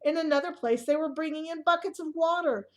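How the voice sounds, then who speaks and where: High-voiced and brisk, a woman reads a picture book to young children with plenty of expression. She pauses for asides and asks her listeners questions.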